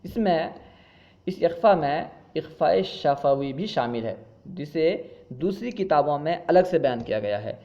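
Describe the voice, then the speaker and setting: A man teaches a Quran recitation lesson, explaining rules patiently. His voice sits a little high, and he stretches out the Arabic example words in a slow chant. The recording sounds dull and muffled. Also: animated, warm tone.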